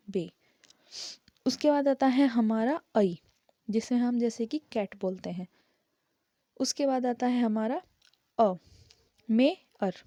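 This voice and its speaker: A woman with a warm, rather high voice gives a slow, explanatory lesson on English pronunciation and grammar. She patiently spells words letter by letter and repeats them, with no echo in the recording.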